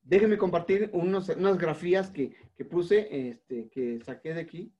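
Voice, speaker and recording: A male music teacher with a Mexican accent, patiently explaining a lesson step by step to his students and filling his pauses with "este". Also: fairly high pitch, dull audio. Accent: Mexican Spanish. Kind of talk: recorded online class.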